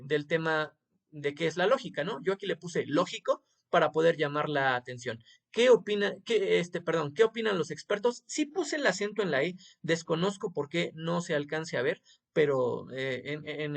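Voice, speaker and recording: A man walks a student through an assignment in a screen-recorded tutorial lesson. His voice sits high with a gravelly edge, and he keeps it informal, tossing in quick tag questions as he goes. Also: a bit bright. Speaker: teacher.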